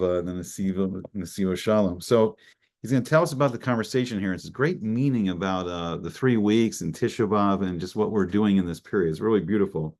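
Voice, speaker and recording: A man teaching an informal Torah class, talking conversationally with many restarts and fillers and mixing in Hebrew terms. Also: sits low. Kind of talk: casual online Torah class.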